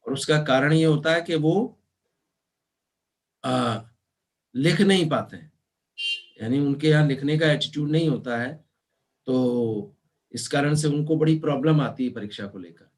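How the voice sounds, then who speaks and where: Guy teaching an online class, really slow, spells stuff out letter by letter. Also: on the high side, darkish tone. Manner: mixes Hindi with English terms. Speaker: law teacher.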